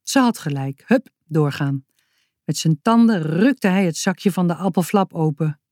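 Slow, mellow woman reading a storybook. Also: fairly low pitch, dry recording, studio quality. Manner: calm, measured storytelling. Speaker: narrator. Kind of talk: reading a children's book aloud.

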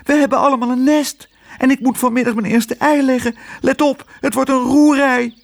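A man voicing an anxious, complaining female thrush in a storybook reading, in a very high, thin voice. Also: steady tone, normal speed. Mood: fretful. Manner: fretful, complaining.

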